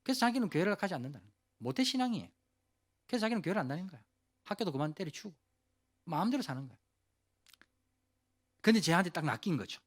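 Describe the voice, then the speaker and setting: A male pastor giving a youth sermon, telling a story in an animated, casual way and asking the listeners questions directly. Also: a little high. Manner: asks the audience questions directly.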